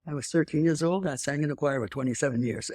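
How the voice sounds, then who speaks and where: Fast, low-sitting and a little mellow with a breathy edge, her voice is captured in clean studio sound without room noise. She's a European woman in her eighties with a slight French accent, telling her life story as an interview guest in rambling fashion with restarts and emphatic asides.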